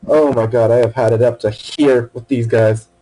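A man games alone in a room at his computer with headphones, talking to himself at normal speed in a medium-pitched voice. His casual commentary includes swearing and sudden bursts of excitement, captured in a rough recording.

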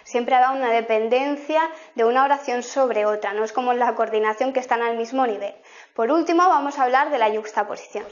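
Woman teacher explaining grammar, dull sound. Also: a little high. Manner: explanatory, repeats example sentences slowly. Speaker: language teacher.

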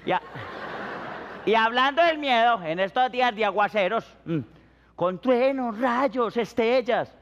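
A man with a Colombian Paisa accent hosting a TV show with a playful, animated stand-up comedy monologue. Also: very high voice, unhurried, long reverb tail, muffled recording. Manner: animated, playful, slips into silly voices and laughs.

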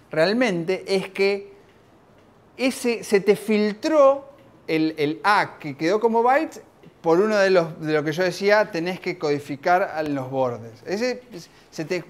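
Lively Argentine man giving a tech talk. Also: high-pitched. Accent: Argentine Spanish. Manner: lively, informal, many restarts. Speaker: conference speaker. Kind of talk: technical talk to an audience. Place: conference room.

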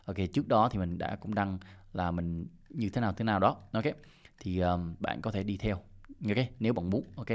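A middle-aged man with a fairly low voice talks his viewers through market charts in a relaxed, unscripted way. He keeps dropping in "ok" and small hesitation sounds and often circles back on himself. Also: normal speed. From Vietnam. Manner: loose and repetitive, peppered with "ok" and "à" fillers. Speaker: crypto channel host. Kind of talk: casual screen-share market commentary.

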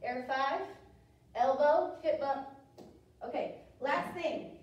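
In a very echoey indoor dance studio with a wooden floor, a high-voiced American woman teaches toddlers ballet, giving lively, encouraging sing-song cues slowly. Music plays, and the lo-fi sound comes from a camera several metres off.

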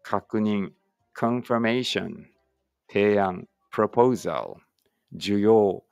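A man's voice: on the low side, gravelly, a little mellow, smooth, dry recording. A male English teacher whose first language is Japanese reads a vocabulary list aloud word by word, dropping casual explanations between items. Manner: deliberate word-by-word drill reading with chatty asides.

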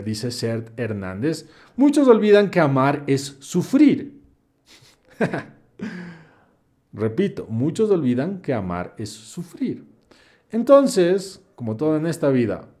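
A young man with a dark, medium-pitched voice hosts a live Q&A stream. He reads the chat's questions out loud and answers them bluntly, in a preachy, slang-heavy style.

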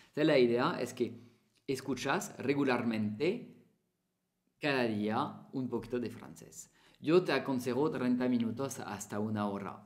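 A man's voice: medium pitch, a little mellow. Chatty teacher man. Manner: chatty, repeats phrases, small Spanish slips. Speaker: French teacher. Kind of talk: casual spoken lesson to camera.

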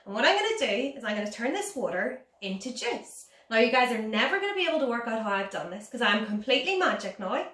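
A woman's voice: on the high side, big pitch swings, quick pace, few pauses, a bit bright. A woman in her thirties teaching a children's Sunday school lesson, explaining simply and asking her young listeners questions. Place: dining room at home, indoors. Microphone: camera a couple of metres away. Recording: roomy, distant phone-camera recording.

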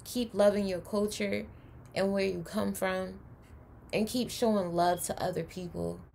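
A woman hosts a reaction video from a room at home, her voice gravelly with a slight rasp of fry. She speaks passionately and emphatically, pressing her points like a lecture, with faint hiss behind her. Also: medium pitch, fairly even intonation, measured pace, darkish tone. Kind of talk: reaction commentary.

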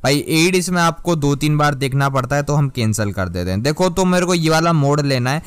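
A man's voice: on the high side, expressive, fairly quick, clear, resonant tone, no echo. A man hosting a gaming channel, talking viewers through a mobile game tutorial in a casual, chatty way and calling them guys and brother.

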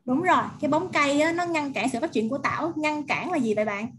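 A woman with a Vietnamese accent teaching English vocabulary over a video call, prompting students and repeating words slowly. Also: high-pitched, crowd noise. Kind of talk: online vocabulary drill.

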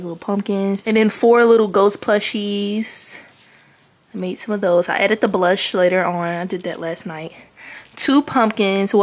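A young woman chatting casually in a vlog, showing off things she has made and gushing over them. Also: medium pitch. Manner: gushing, chatty show-and-tell. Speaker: crochet vlogger.

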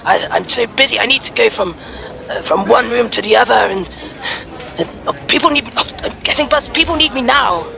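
Brief: a man as a busy doctor, high gravelly voice, impatient, music under. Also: lively intonation, heavily acted. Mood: harried. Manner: rushed, impatient, repeats "yes, yes". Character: harried, brusque hospital doctor. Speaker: improv actor.

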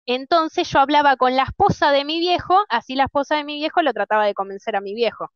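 A woman's voice: high voice, fast talker, no room sound. An Argentine woman co-hosting a casual podcast chat, chatty and agreeable, with a slightly muffled recording. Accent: Argentine Spanish. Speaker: podcast co-host.

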